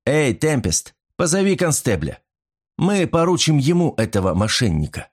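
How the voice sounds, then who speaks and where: A man voicing a sharp young woman detective who triumphantly accuses a card cheat. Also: fairly high pitch, sing-song, normal speed, voice pushed up. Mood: sharp accusing.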